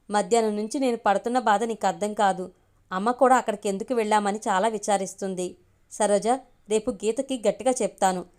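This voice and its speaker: Audio story: a woman doing a pained, earnest young man, mid-pitched. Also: darkish tone, lightly acted. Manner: pained, emotional pleading.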